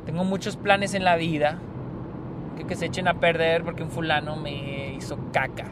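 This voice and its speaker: Male podcast host, northern Mexican accent, high-pitched voice, informal and sweary monologue, recorded in a car with noticeable driving noise. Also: fairly even intonation, moderate pace. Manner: informal and slangy, swearing freely. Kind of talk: casual solo podcast monologue about films. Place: inside a car driving on a highway. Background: vehicle and road noise.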